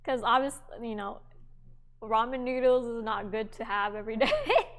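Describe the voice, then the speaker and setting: Chatty young woman, slightly high voice. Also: animated, moderate pace, fairly bright tone. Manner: chatty and rambling, with frequent fillers. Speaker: livestreamer. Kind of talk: casual chat with viewers while cooking. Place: home kitchen.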